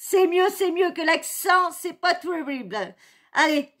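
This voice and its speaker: Female gossip vlogger, high voice, slow teasing delivery, repetitive. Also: expressive, fairly bright tone. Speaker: gossip channel host. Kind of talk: casual commentary vlog.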